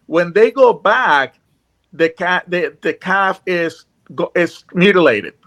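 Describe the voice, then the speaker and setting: Earnest and rambling, a Puerto Rican guest with a Puerto Rican accent keeps restarting his sentences during a casual video-call chat. He talks slowly in a high, fairly bright voice with lively intonation.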